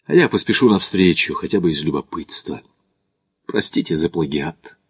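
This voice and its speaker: A man voicing Macdonald, a quiet, irritated male traveler in an audiobook, speaking in a low, clipped way. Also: lively intonation, moderate pace, slightly rough, exaggerated voice.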